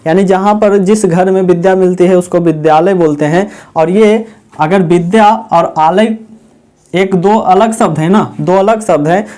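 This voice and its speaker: A man with a high, slightly mellow voice teaches a Hindi grammar lesson. He asks his students questions, then answers them himself, slowly repeating the key words.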